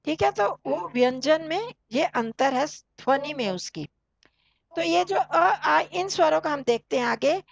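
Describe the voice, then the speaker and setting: Teacher, female, high voice with a gravelly edge, unhurried and patient, over dull lo-fi call audio. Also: animated, dry recording. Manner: patient, explains step by step and recites sounds slowly for students to repeat. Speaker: Sanskrit teacher. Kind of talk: online class teaching. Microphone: online call audio.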